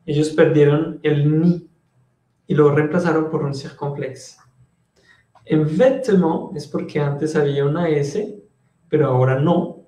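A man's voice: fairly high pitch, measured pace, mellow, echoey room. A man teaching French in an online class, explaining patiently and switching between Spanish and French.

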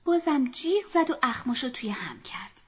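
Soft-voiced woman telling a children's story. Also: high voice, sing-song, slightly rough. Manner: soft, often half-whispered, addressing children. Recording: dull lo-fi recording.

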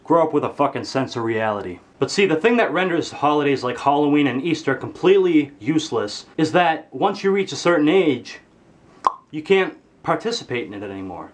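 In his bedroom, a teen vlogger delivers a comedic rant to camera with exaggerated, angry energy and plenty of swearing. His male voice has lively intonation and runs a little fast, pitch leaping up when he's outraged, with a slight hiss or hum in the background.

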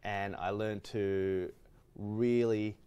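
Very slow and smooth, this Australian chef's lowish, warm voice holds a steady tone, though the sound is lo-fi. As a guest in a studio kitchen he rambles through his story in a casual interview, full of restarts and fillers.

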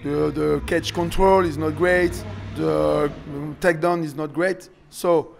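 A man's voice: fairly high pitch, steady tone, unhurried, gravelly. A man with a French accent, a coach in an interview, speaking hesitant, broken English as he searches for words. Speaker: coach translating for fighter. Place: indoor event backdrop interview area. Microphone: shared handheld interview microphone. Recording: noisy event room ambience.

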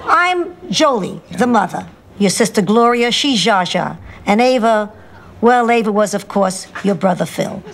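An older actress playing a blunt, sly elderly mother, delivering deadpan wisecracks in studio sitcom style. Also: medium pitch, unhurried, gravelly, a faint crowd. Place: sitcom kitchen set. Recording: noisy 1990s TV sitcom audio.

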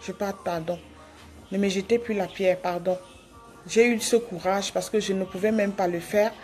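A woman's voice: medium pitch, fairly even intonation, moderate pace, darkish tone, faint music behind. A woman on a phone live stream, pleading with her followers, repeating herself with hesitant restarts. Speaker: livestreamer addressing her followers. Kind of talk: live video apology.

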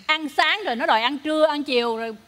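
An actress in a stage comedy sketch playing a nosy, teasing female friend with quick remarks. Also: sits high, fairly bright tone.

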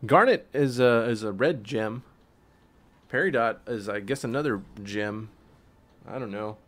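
A man streaming gameplay, commenting casually in slang with swearing, a little tipsy from drinking, and breaking into excited yells during play. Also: mid-range voice, unhurried. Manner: laid-back, slangy, swears, bursts into excited yelling at play. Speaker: gaming streamer.

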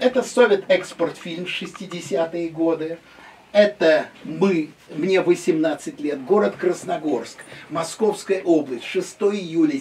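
An older man with a gravelly, somewhat high voice talks through a casual tour of his own small museum, moving from picture to picture. He is recorded from a little way off on a handheld camera, with faint room noise behind him. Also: recorded from a distance. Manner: lively, chatty, gesturing at photos. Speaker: private museum owner and guide. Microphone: handheld camera following him.

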